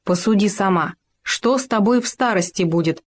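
A woman's voice: medium pitch, moderate pace, lightly acted. A preachy, meddling hamster, as a woman reads him aloud. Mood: lecturing. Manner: preachy, scolding. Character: bossy meddling male hamster, lecturing.

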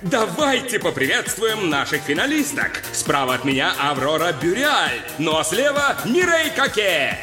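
An actor playing a showy TV contest host in a cartoon dub, with a booming prize-announcer delivery. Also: male voice, big pitch swings, normal speed, hardly any pauses, reverberant, music in the background. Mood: showy, excited.

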